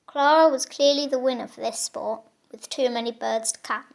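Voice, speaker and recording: Young woman, news-style reader, gravelly, fairly high voice, steady scripted read. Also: moderate pace, poor audio. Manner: reads a written script in a steady way. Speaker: young presenter reading a sports news item. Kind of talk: mock sports news report.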